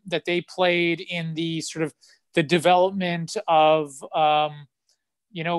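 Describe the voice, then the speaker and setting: A man's voice: high-pitched, no echo. A man hosting a live lecture Q&A over a video call, asking long questions with many hesitant fillers. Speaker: host. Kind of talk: hosted Q&A interview.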